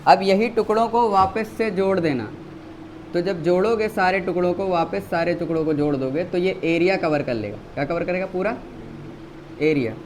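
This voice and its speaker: A man with a high voice and an Indian accent teaches a maths class. He keeps quizzing his students and answers each question himself. Faint noise sits behind him. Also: normal speed, poor audio. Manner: repeats key words for emphasis.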